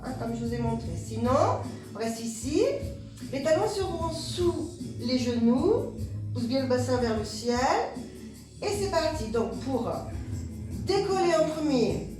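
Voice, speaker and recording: Female pilates teacher guiding a class in slow repeated cues, heard from afar over music. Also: fairly high pitch, distant mic. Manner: calm cueing of breath and movement, repeats words slowly. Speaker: pilates instructor. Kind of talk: guided exercise class instruction. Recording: echoey room, voice from afar, music behind. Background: background music.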